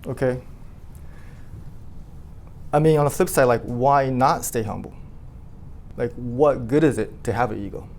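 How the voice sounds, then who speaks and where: A man who runs an insurance agency, telling his team a personal story in a lively, casual way, full of "like" fillers and questions to the room. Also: medium pitch, measured pace, long pauses, slight background noise. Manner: animated, asks the room questions, many "like" fillers.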